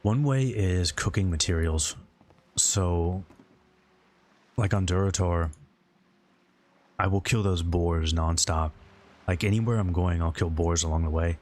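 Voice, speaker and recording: Answering viewer messages during his game livestream, a man talks loosely and at length. His low voice is a little mellow, and he moves at a measured pace with long pauses.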